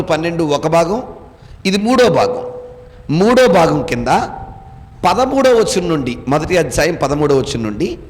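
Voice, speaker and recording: High-voiced man preaching in a reverberant hall. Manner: quizzes listeners with call-and-response questions. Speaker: pastor. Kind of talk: Bible-study sermon to a congregation.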